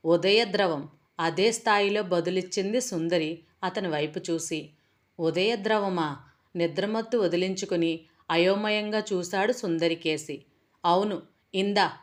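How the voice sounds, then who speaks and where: A woman storyteller narrating a scripted story in a steady reading voice, recorded at home. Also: medium pitch.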